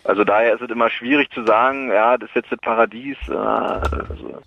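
A man's voice: mid-range voice, steady tone, brisk, creaky. A man calling in to a radio show, speaking hesitantly and thoughtfully with many fillers. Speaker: caller. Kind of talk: casual phone-in chat. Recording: dull lo-fi phone line, dry.

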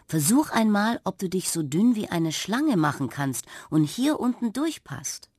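A woman voicing a kind, clever young girl in a children's radio story, coaxing and brisk. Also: medium pitch, very animated, a little mellow, slightly rough, dry recording, studio quality, pitched above the performer's own voice. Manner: coaxing, brisk and quick-thinking.

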